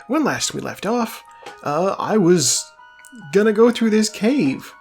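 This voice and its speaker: A man's voice: sits high, big pitch swings, takes it slowly, soft background music. A man hosting a casual video game playthrough, rambling and correcting himself as he chats along. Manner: rambling, self-correcting, chatty. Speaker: let's play host. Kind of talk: casual gameplay commentary.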